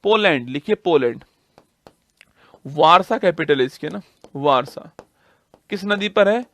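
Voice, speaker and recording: A man's voice: on the high side, expressive, unhurried, a bit bright, no room sound. A man teaching an online exam-prep geography class, asking questions and answering them himself, repeating key facts over and over. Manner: repetitive drilling, asks and answers own questions.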